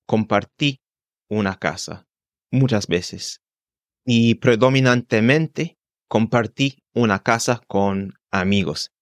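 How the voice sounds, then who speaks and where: Recorded dry at studio quality, this twenty-something Englishman speaks in a smooth, lowish voice from home in London. On his solo podcast he works through unscripted learner's Spanish carefully, restarting in small ways now and then.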